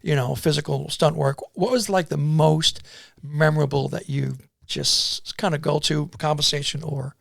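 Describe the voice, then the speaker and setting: A man hosting an interview, easygoing and joking, asking questions with lots of pauses and fillers. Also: fairly high pitch, steady tone, vocal fry, fairly bright tone, no room sound, studio quality. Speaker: interview host. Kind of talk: casual interview conversation.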